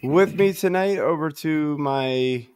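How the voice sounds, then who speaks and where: A man hosts a laid-back fantasy baseball show, speaking slowly and rambling easily with plenty of fillers. His voice sits on the high side, with a darkish, clear, resonant tone that sounds a bit worn, as if he's been losing it. The studio recording is clean, with no echo.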